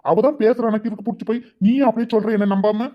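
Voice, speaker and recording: Brief: a man as a defensive cartoon village father, quick and gruff, muffled recording. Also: high voice, fairly even intonation, close to an everyday voice. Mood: pleading. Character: middle-aged village father accused of drinking. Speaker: husband. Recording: dull lo-fi sound.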